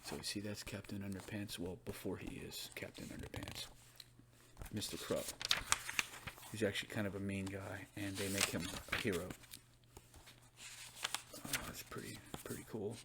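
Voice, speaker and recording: A low-voiced man speaks softly in an ASMR ASMR role-play as a librarian. He rambles informally through his book commentary, conversational and unhurried in wording. There is clear noise and clicking behind his voice. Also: flat delivery. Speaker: ASMR performer playing a librarian.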